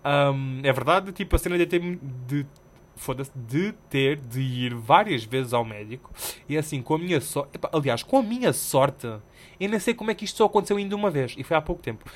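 Young male podcast host, European Portuguese accent, slangy and animated, voice sitting a touch high. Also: brisk. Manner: animated, swearing, slangy, self-mocking. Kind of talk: casual solo storytelling.

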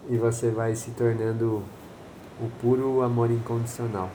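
A man with a Brazilian accent leading a guided meditation in a slow, soothing manner, with long pauses. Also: medium pitch, level tone, noisy background.

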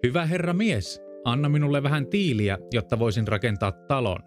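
A man voicing a small, stubborn little pig in a storybook reading, raising his voice and slowing down. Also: medium pitch, soft background music, lightly acted. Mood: pleading. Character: small clever male piglet, brave and stubborn.

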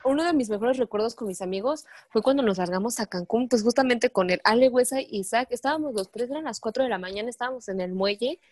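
A woman's voice: a little high, fast talker, hardly any pauses, no echo. Slangy young Mexican woman, dry sound. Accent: Mexican Spanish. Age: young adult. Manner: slangy, animated storyteller. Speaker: student. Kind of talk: casual chat among friends.

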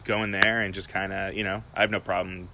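A man talking in a relaxed, rambling way in a casual podcast chat, swearing now and then. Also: sits low, a little fast, gravelly, noisy background.

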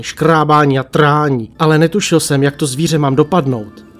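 Hushed male horror-story narrator. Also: mid-range voice. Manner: slow, hushed dramatic telling with long pauses. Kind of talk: creepypasta narration. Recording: faint music bed.

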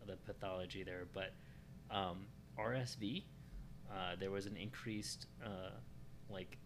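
A man chatting casually as a co-host, pausing often with ums and uhs. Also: low-pitched, vocal fry. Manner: hesitant, fills pauses with um and uh. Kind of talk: casual conversation. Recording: noticeable background noise.

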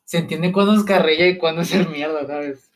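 A man's voice: on the high side, brisk. Young Mexican man chatting casually. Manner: joking, curious, asks questions. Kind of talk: casual chat.

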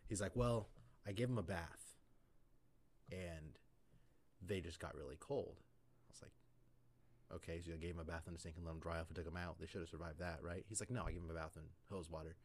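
Very deep-voiced man telling a rambling story. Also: steady tone, quick pace. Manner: rambling, filler-heavy storytelling with lots of "like". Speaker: podcast co-host. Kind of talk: casual storytelling chat.

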